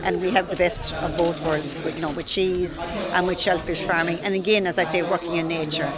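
A woman's voice: fairly low pitch, steady tone, a little fast, a loud crowd. A middle-aged woman, talking in a chatty, discursive way in an interview. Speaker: goat farmer and cheesemaker interviewed. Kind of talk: conversational interview.

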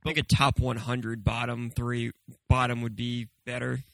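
A man co-hosts in a casual, dryly offhand way. His voice has plenty of creak and fry, and it is recorded close with no room sound. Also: mid-range voice, flat delivery, normal speed, fairly bright tone, dry recording, rough recording. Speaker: movie review show co-host. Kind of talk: casual review chat.

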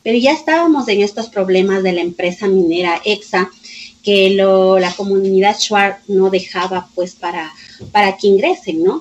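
A woman's voice: medium pitch, moderate pace, a little hiss or hum. A middle-aged woman tells her story in an interview, voicing her son and herself as the talk unfolds. Her delivery is emotional and full of repetition. The recording is slightly dull, with faint background ambience. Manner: emotional storytelling, reenacting dialogue, repeating phrases. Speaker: grieving mother of a police officer. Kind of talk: personal testimony in an interview.

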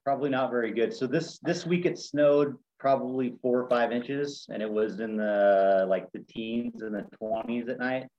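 A man's voice: medium pitch, moderate pace, hardly any pauses, a little mellow, highs cut off. A man organizing a shooting match, chatting casually and easily, often laughing as he talks. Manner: easygoing, laughs while talking. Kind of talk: casual chat.

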